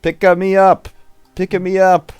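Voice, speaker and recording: A man's voice: high voice, monotone, slow pace, a little mellow, smooth, no echo, soft background music, voice pushed up. A man voicing a tiny, childishly eager character pleading from inside a crab machine in a tabletop game. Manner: pleading, demanding to be carried.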